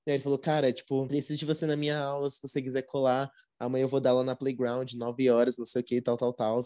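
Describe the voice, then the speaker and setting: A young man from Brazil with a Brazilian accent, a dancer telling stories as a guest in a casual interview, relaxed and slangy with many fillers. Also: medium pitch, quick pace. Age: young adult. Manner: relaxed slangy talk full of fillers like "tipo" and "assim".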